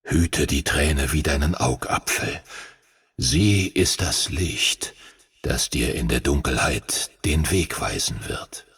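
A man voicing an ancient, gruff male dragon mentor who speaks slowly and gravely in a deep, stern voice. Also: a bit bright, no room sound, clean studio sound, heavily acted. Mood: ominous. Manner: stern, scolding, ominous.

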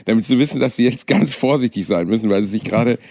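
A man's voice: mid-range voice, quick pace, a little mellow, no echo. A man co-hosting a comedy podcast, chatting casually with a dry, ironic, teasing manner. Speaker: podcast co-host. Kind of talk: casual chat.

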